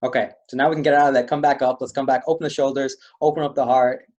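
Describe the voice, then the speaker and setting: A man's voice: medium pitch, flat delivery, fast talker, a little mellow, dull audio. A man leading an online stress-relief webinar, coaching listeners through posture and breathing steps. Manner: coaching, gives step-by-step physical instructions. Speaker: webinar presenter. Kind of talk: guided stress-relief talk.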